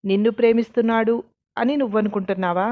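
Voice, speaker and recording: A woman's voice: a little high, steady tone, fast, no room sound, narrow, tinny audio, close to an everyday voice. A woman voicing a determined young woman in a storybook reading, speaking firmly and directly. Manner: firm, direct.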